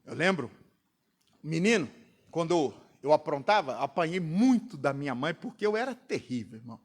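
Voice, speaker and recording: A Brazilian pastor preaching a sermon to a congregation, throwing out rhetorical questions for the crowd to answer. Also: male voice, on the high side, very animated, normal speed, breathy edge. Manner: rhetorical call-and-response questions. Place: church congregation.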